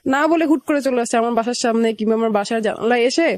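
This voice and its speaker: Speaking fast in a fairly high voice, a young woman with a Bangladeshi accent relates her own life story as an interview guest in a radio studio. Her tone is conversational, and she drops into remembered dialogue while narrating; there's no echo.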